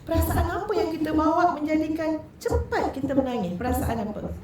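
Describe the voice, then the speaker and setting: A woman religious teacher with a Malaysian Malay accent, giving a lively, conversational talk to women and often questioning her listeners. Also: high voice, brisk, a crowd in the background. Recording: echoey hall, distant mic.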